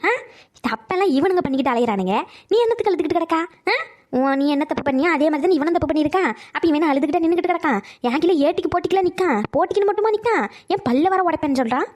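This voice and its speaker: A woman voicing a sharp-tongued elderly grandmother in a cartoon, mocking and nagging the young men. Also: high voice. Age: older. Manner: scolding, mocking, rapid nagging. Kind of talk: cartoon voice acting.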